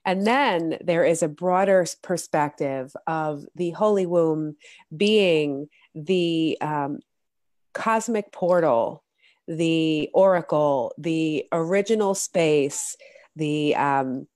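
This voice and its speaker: A woman guest on a video call, nasal and congested from illness, talking slowly and reflectively about spiritual matters. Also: sits low, no echo, clean studio sound. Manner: slow, reflective, soft-spoken. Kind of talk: spiritual talk in an interview.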